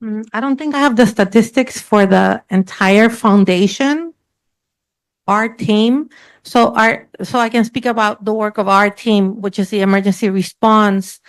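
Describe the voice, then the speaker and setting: A woman's voice: medium pitch, measured pace. A woman on a panel discussing her foundation's emergency response work, frank and sometimes searching for words.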